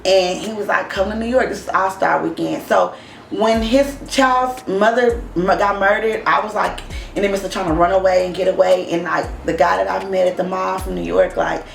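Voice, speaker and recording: A woman's voice: mid-range voice, steady tone, normal speed, vocal fry, far from the mic. A young woman from Oklahoma speaks as an interview guest, telling her life story bluntly and with open profanity. She sits a little away from the microphone in an echoey room. Faint music plays underneath. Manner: blunt and profane, frank about hard past. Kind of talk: candid casual storytelling. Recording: roomy echo, voice off-mic, faint music behind.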